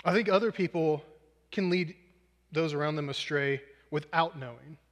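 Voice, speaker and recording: Earnest male preacher with a fairly high voice, self-mocking asides, lingering hall echo. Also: moderate pace, a bit bright. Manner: earnest, self-deprecating, uses movie examples. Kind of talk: sermon. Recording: long hall reverb.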